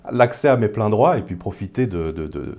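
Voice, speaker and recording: A man in his thirties from the Paris suburbs speaks casually as an interview guest, his voice on the low side, a little mellow and animated at a normal speed. He comes across as thoughtful, hesitating often and filling pauses.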